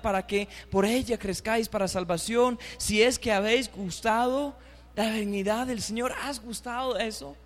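High-voiced fervent male preacher. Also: big-room sound. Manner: fervent, climbs to loud, high emphatic bursts; reads scripture aloud and calls for the congregation to repeat. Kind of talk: sermon.

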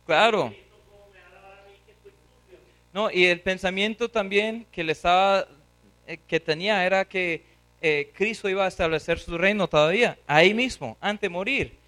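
A man preacher delivering an animated sermon, often chuckling and acting out scripture scenes. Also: high-pitched, measured pace, long pauses.

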